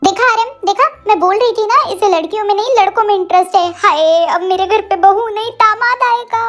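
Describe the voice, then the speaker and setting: A bossy, emotional mother and grandmother who scolds and dramatizes everything, played by a woman narrator. Her voice sits very high, with soft music under the storybook narration. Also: brisk. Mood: scolding. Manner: scolding, theatrical.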